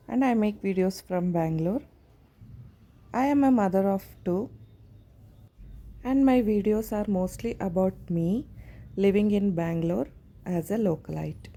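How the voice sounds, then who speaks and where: A woman in her thirties with a South Indian accent, narrating a casual home vlog in plain everyday phrasing with hesitant pauses. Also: mid-range voice, mellow. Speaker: home vlogger.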